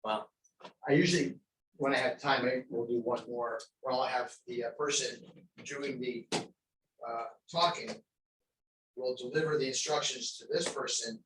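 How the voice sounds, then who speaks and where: Here the instructor speaks with a steady, mid-range voice at a moderate pace as he teaches a crisis intervention class. The lecture wanders conversationally and is full of fillers, captured from afar in an echoey training room with some faint noise.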